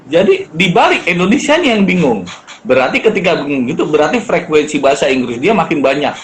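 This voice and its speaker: A man's voice: on the high side, fast talker, rough recording. A middle-aged man, a guest speaker, talking casually about parenting and acting out quoted dialogue. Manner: animated, acts out quoted dialogue in changed voices. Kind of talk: casual chat.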